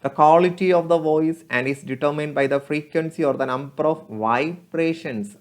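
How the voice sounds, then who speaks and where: A man, teaching as an exam coach. He reads English questions slowly and deliberately, then explains them in Malayalam, repeating each key answer for emphasis. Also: a little high. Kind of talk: exam question walkthrough lesson.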